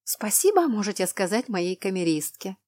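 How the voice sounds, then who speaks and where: A woman's voice: mid-range voice, very animated, normal speed, darkish tone, no echo. A woman voicing a cheeky young noblewoman who talks in a sweetly mocking, sighing way.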